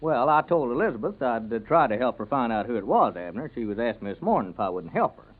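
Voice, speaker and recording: An actor playing an earnest, plain-spoken small-town neighbour with a rural Southern American accent in an old radio comedy serial. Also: male voice, mid-range voice, big pitch swings, fast talker. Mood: folksy, amused. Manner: folksy, earnest. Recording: narrow, tinny vintage radio recording.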